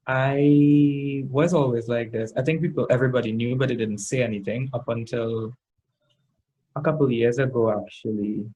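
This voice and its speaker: A man with a Trinidadian accent chatting casually, a little drunk and halting as he searches for his words. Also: mid-range voice, mellow, breathy edge, poor audio. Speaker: guest in a makeup challenge video. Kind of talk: casual chat.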